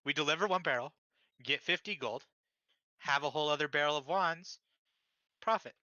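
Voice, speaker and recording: A man's voice: on the high side, normal speed, pushed and bright, dry recording, highs cut off. A man playing his character in a tabletop game, laying out schemes in a plotting way. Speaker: player. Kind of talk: in-character tabletop role-play.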